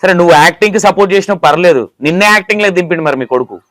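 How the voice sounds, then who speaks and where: A man's voice: high voice, very fast, a bit bright, dry recording. A man with a Telangana accent conducting a casual interview, asking teasing, playful questions. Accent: Telangana Telugu.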